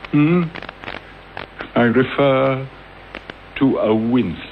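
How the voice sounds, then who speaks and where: An actor playing a bitter, vengeful middle-aged English doctor in a British radio drama, theatrical and sardonic, with deliberate articulate delivery. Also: male voice, mid-range voice, lightly acted. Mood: mocking, gloating. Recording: dull, noisy old radio broadcast copy.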